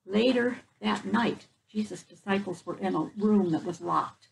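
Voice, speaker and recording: Picked up by a camera a few feet off, the audio is poor, with slight background noise. On a front porch outdoors, an older woman with a creaky, medium-pitched voice reads a picture book to children at a slightly slow pace, putting it into simple words along the way.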